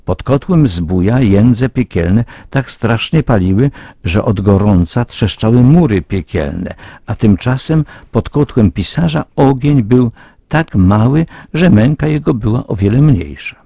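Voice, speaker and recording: A man reading a moral fable aloud in a measured, solemn, earnest storytelling manner. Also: medium pitch, lively intonation, creaky, dark tone, dry recording.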